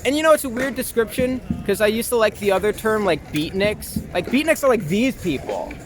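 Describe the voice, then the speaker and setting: This young adult man from New York, an actor and filmmaker, is an interview guest chatting casually. His voice sits high and animated at a fairly quick pace, with frequent hesitations and filler words, recorded outdoors amid noisy city traffic.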